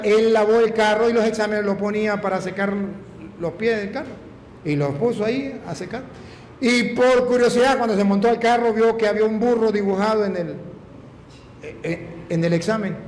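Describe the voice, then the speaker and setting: Man, priest, storytelling sermon, high voice, echoey hall. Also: moderate pace. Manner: animated, emphatic storytelling. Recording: echoey hall, faint noise.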